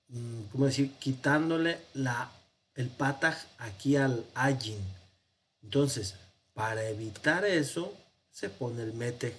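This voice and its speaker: A man's voice: mid-range voice, a little hiss or hum. A man with a Mexican Spanish accent teaching a Hebrew grammar lesson, explaining patiently with fillers and frequent check-ins with his class.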